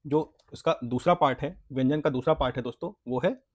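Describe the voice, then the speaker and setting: A man teaching an exam-prep language lesson, sounding out syllables slowly and asking and answering his own questions. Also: medium pitch, no room sound. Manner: repeats points, asks and answers own questions, says "friends" often; spells out syllables slowly for practice.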